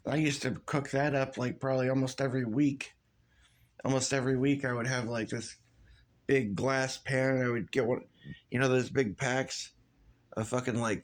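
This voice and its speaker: A man ranting casually in a vlog, swearing constantly and rambling with restarts and fillers. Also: medium pitch. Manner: profane, rambling, loose and frustrated. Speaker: vlogger. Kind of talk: casual rant to camera.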